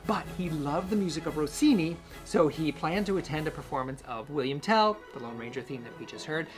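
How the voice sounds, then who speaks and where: Speaking a little quickly with lively intonation and a fairly high pitch, a male host who conducts and teaches music spins casual, animated stories about classical music history. Short quotes get acted out as he goes.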